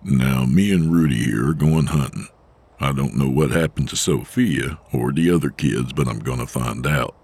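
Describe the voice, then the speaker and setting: A huge, gruff vigilante Santa who speaks slowly and steadily, as a man plays him. His voice sits very low and gravelly, with a husky edge. Faint music plays underneath. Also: a little mellow, dry recording, exaggerated voice. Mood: grim. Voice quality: deep gravelly voice. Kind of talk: audio drama.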